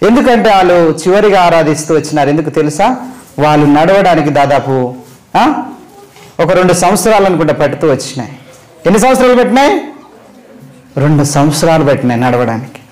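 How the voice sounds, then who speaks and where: A man's voice: on the high side, expressive, a little fast, long pauses, darkish tone, low-quality recording. A man preaching a Christmas sermon, emphatically asking the congregation questions and answering them himself, repeating phrases for stress. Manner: repeats phrases for emphasis, voice rising then dropping at line ends.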